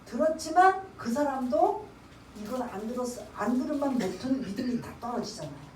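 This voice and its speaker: A high-voiced woman pastor preaches in a conversational way, putting questions to the congregation and acting out her own pleas in prayer. She is picked up from a distance in a reverberant church, with faint room ambience behind her. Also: expressive, moderate pace, a little mellow, a little hiss or hum. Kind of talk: sermon. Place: church sanctuary. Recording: echoey church, from far off.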